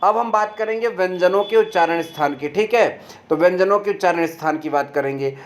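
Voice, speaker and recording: Male tutor with a high voice, patient and step by step, asks and answers his own questions. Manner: sounds out letters slowly and clearly. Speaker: teacher. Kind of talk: online grammar lesson.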